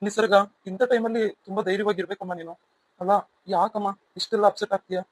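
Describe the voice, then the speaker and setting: A man's voice: sits high, steady tone, quick pace, dry recording, rough recording. A man voicing a stern, protective elder brother in a cartoon serial, blunt and commanding. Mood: reassuring.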